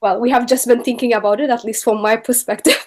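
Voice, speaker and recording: A woman's voice: fairly high pitch, fairly even intonation, very fast, a little mellow. Woman, interviewer, conversational, appreciative.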